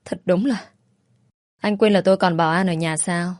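A woman's voice: fairly low pitch, fairly even intonation, moderate pace, dry recording, studio quality, close to an everyday voice. A woman voicing a wry young divorced woman, exasperated with her companion.

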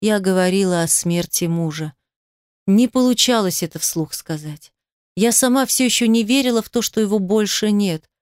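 Smooth-voiced woman reading an audiobook. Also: mid-range voice, expressive, moderate pace, a little mellow, dry recording, studio quality. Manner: emotional, heartfelt storytelling. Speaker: audiobook narrator. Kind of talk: first-person audiobook narration.

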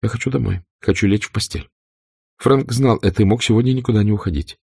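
A man voicing a sharp-tongued, haughty young Southern lady, sarcastic and furious. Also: lowish voice, fast talker, creaky, husky, no room sound, clean studio sound, pitched above the performer's own voice. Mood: overwrought.

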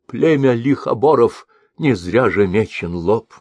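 A man's voice: animated, a little slow, darkish tone, no echo. A man doing a whining old blind merchant. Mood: threatening. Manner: whining, complaining, shrill. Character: greedy wheedling old blind male merchant.

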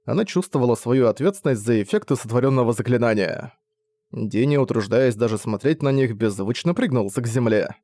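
A male narrator with a mid-pitched voice, reading a fantasy novel aloud at a steady, measured pace. His narration is even and clear. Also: no room sound. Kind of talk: audiobook narration.

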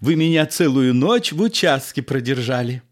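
A man's voice: medium pitch, lively intonation, normal speed, voice pushed up, natural voice. A man voicing a theatrical, sentimental old actor who declaims his memories.

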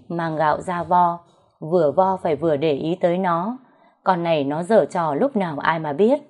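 A woman narrating a first-person story in a steady, plain way. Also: lowish voice.

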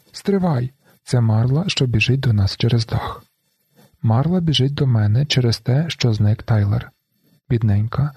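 A man reading a novel aloud in the first person, with a flat, brooding delivery. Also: mid-range voice, vocal fry, slightly rough, no room sound. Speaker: audiobook narrator.

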